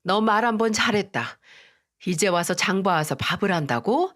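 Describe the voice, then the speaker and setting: A woman's voice: medium pitch, animated, moderate pace, a bit bright, lightly acted. Brief: a woman doing a firm, scolding older mother-in-law in a storybook drama, stern and unbending.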